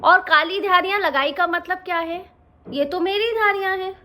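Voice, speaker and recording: A woman doing a calm, gentle zebra. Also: extremely high pitch, moderate pace.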